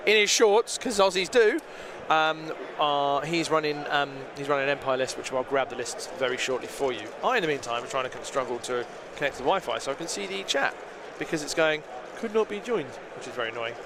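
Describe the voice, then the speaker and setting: A man's voice: on the high side, brisk, few pauses, noisy background. A British man commentating a live tabletop game tournament in a chatty, rambling way that often corrects itself. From Britain. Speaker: stream commentator.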